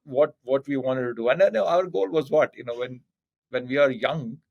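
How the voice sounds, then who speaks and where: A man's voice: mid-range voice, moderate pace, vocal fry, lo-fi sound. A man in his fifties from Bangalore with a South Indian accent, chatting casually as an interview guest, emphatic and often repeating his words. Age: 50s.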